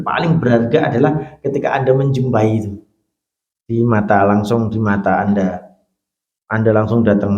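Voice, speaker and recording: A man with a Javanese Indonesian accent preaching a mosque sermon. He talks animatedly, jumping high for questions and dropping soft and low for hushed examples. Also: dull audio. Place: mosque hall. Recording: echoey mosque hall.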